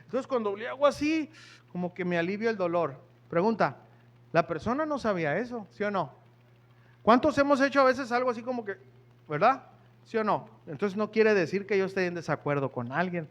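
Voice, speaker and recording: A man's voice: high voice, lively intonation, fairly quick. A man preaching a sermon in church, talking conversationally and asking the congregation questions.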